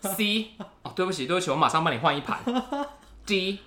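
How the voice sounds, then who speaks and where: Bright-voiced Taiwanese man in a roomy room. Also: high-pitched, lively intonation, fairly quick. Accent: Taiwanese Mandarin. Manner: playful storyteller posing joke quiz questions. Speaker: podcast co-host. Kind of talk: casual podcast chat. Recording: roomy echo in a new recording spot.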